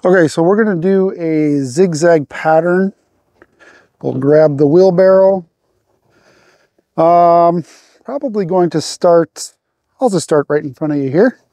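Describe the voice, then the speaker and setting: Casting: a man in his forties, a homesteading vlog host, mellow and dry-sounding, relaxed explainer with fillers, outdoors on a lapel mic. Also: a little high, measured pace, pauses often, dry recording. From Arkansas. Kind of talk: casual instructional vlog. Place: outdoors on a farm field.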